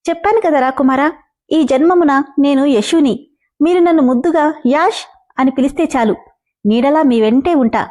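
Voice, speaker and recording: A woman's voice: sits high, moderate pace, dark tone, lightly acted. A woman voicing a playful, dramatic young woman who talks in theatrical, old-fashioned formal speech. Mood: theatrical, pleading.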